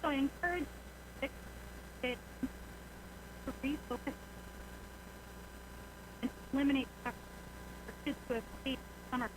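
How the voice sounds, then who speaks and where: A woman speaks through a remote call whose sound stutters, drops and breaks up mid-phrase. Her voice sits fairly high, and a thick layer of line noise runs under it. She speaks earnestly, urging change in a prepared public comment. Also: unhurried, pauses often. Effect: choppy breaking-up call audio that stutters and drops words. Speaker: citizen speaker at a public meeting. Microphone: remote call connection.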